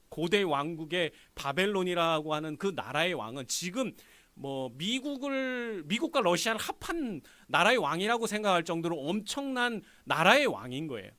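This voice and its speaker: A man's voice: high voice, no room sound. A male pastor preaching a sermon, telling the story with acted-out lines and questions to the congregation. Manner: animated storytelling, acts out dialogue, asks the congregation questions. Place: church sanctuary.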